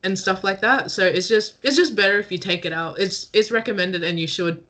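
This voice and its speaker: A woman's voice: medium pitch, a little fast, fairly bright tone. A young woman co-hosting a casual podcast over a call, explaining things step by step and laughing easily. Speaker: podcast co-host. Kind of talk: casual chat. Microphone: remote call.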